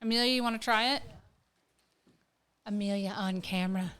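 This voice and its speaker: A woman's voice: medium pitch, steady tone, normal speed, a bit bright. A woman hosting a casual podcast, upbeat and slangy, cheering her guest on. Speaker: podcast host. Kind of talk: casual chat.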